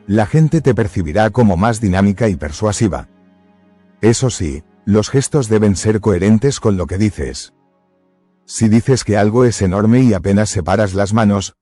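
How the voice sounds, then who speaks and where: A man giving scripted motivational narration in a measured, emphatic way, close to the mic. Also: lowish voice, mellow, no echo.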